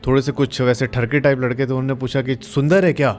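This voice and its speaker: A man's voice: medium pitch, level tone, quick pace. Man telling a spooky true story, conversational, buddy-like with the audience, medium voice. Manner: chatty, addresses listeners as friends. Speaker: horror story narrator. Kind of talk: casual storytelling narration.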